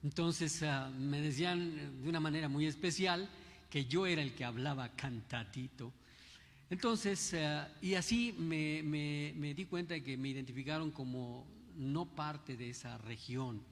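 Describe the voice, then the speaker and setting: Older male pastor with a Mexico City accent, chatty halting sermon, slightly high voice, ringing church hall. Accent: Mexico City Spanish. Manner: unhurried, conversational, frequent hesitations. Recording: echoey hall.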